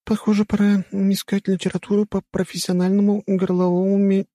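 A man reading an audiobook voicing a young woman student, defiant and flustered, with a high, breathless delivery and sharp outbursts. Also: flat delivery, brisk, no echo, studio quality, lightly acted. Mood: wondering. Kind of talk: audiobook character voice.

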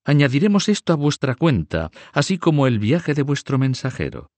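A man voicing a cunning older banker who speaks smoothly and persuasively. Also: mid-range voice, very animated, moderate pace, darkish tone, no echo, voice pushed up, lightly acted. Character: cunning older Italian male banker, soft-spoken.

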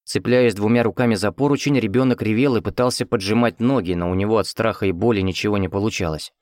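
A man's voice: fairly low pitch, fast, a little mellow, no echo. Dry-voiced male audiobook narrator. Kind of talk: first-person fiction reading.

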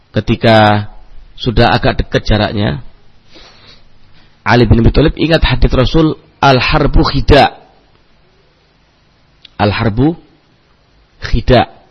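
A man giving a religious lecture as a preacher, telling a story in an animated way and acting out the people in it. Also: mid-range voice, breathy edge, highs cut off. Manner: animated, acts out quoted voices, mixes in Arabic terms. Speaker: Islamic preacher.

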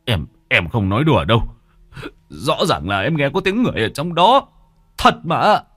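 A man voicing a terrified middle-aged father who stammers in a hushed voice. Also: mid-range voice, big pitch swings, moderate pace, slightly rough, no echo, studio quality, soft background music, voice pushed up.

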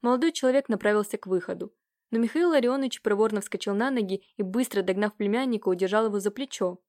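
A woman narrates a historical audiobook at a steady pace. Her middle-pitched voice keeps an even, composed storytelling tone. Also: fast talker. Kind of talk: scripted narration.

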